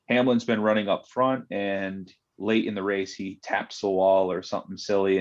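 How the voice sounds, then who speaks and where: A man with a lowish voice co-hosts a casual fantasy sports podcast. He steers the chat steadily, asking his partner about picks. The audio sounds dull and lo-fi. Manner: steady, leads the discussion with questions. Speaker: co-host, fantasy sports analyst.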